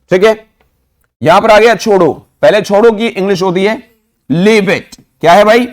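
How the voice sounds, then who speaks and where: Teacher guy, high voice, keeps asking the class and answering himself. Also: takes it slowly, pauses often. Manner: drills phrases, asks the class questions and answers himself. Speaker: spoken English teacher. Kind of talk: classroom lesson.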